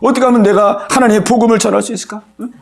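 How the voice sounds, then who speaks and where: A man's voice: sits high, steady tone, very fast, creaky, a crowd in the background. A male pastor preaching an evening sermon. He acts out worried inner voices and heartfelt prayers, and calls on church members by name to ask for their amens. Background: congregation answering amen.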